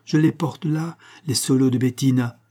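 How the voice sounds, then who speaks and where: A man voicing an aging male chapel master, excitable and theatrical, swinging between pleading and outrage. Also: medium pitch, normal speed, close to an everyday voice. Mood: defiant. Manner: anguished, pleading outbursts.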